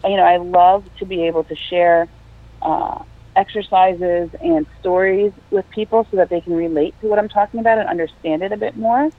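A woman's voice: on the low side, steady tone, moderate pace, no echo. A middle-aged woman explaining things conversationally as an interview guest. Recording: tinny phone-line sound.

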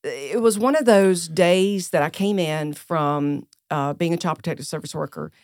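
A woman's voice: low-pitched, normal speed, a little mellow, no room sound, studio quality. A middle-aged woman from South Carolina with a Southern accent, a podcast guest chatting casually and telling her story with many ums. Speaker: guest, senior living executive director. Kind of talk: casual interview chat.

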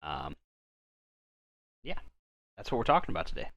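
A man's voice: sits low, huge pitch swings, moderate pace, gravelly, fairly bright tone. A man co-hosting a casual podcast chat, laid-back and laughing often. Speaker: podcast co-host.

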